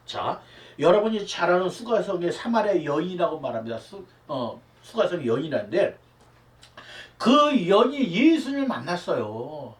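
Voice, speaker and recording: A man's voice: high-pitched, sing-song, normal speed. A man preaching a Sunday sermon as pastor, with emphatic delivery and rhetorical questions to his viewers. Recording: roomy hall, mic at a distance.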